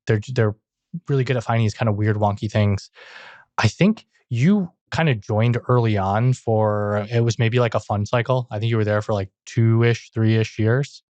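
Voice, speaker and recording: Chatty young podcast host, dull sound. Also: male voice, fairly low pitch, moderate pace, darkish tone, no echo. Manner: chatty, questioning, uses "like" often. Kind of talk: casual podcast interview.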